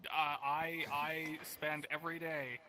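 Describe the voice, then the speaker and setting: A man in the audience giving short, laconic, deadpan answers to a comedian. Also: on the high side, slow, poor audio. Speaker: audience member. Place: virtual reality session at home.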